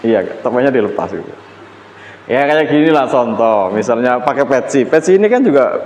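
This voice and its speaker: A man's voice: mid-range voice, a little mellow, dull audio. Lecturing man in an echoey classroom. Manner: casual conversational lecturing with fillers and self-corrections. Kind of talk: university lecture. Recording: echoey classroom, faint room noise.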